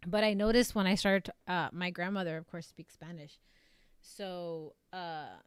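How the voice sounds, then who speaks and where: A South Texas woman with a Mexican-American Texan accent streams casually, rambling as she reads viewer comments and leaning heavily on "like" and "um." Her lowish voice is steady, a little slow, clear and resonant, on a dry recording.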